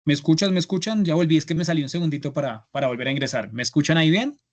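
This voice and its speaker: A man with a Colombian accent teaching an online English class, patient and repetitive, slowing down for model phrases. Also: a little high. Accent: Colombian Spanish. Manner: patient, repeats words, slow model phrases. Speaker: English instructor. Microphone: computer mic on a video call. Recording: lo-fi video call audio.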